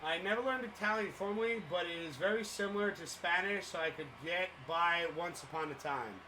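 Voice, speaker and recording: A man's voice: high voice, fairly quick, noisy background. A man co-hosting a live sports stream, chatting casually and rambling with lots of fillers while reading out viewer messages. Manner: loose and rambling, many fillers and restarts.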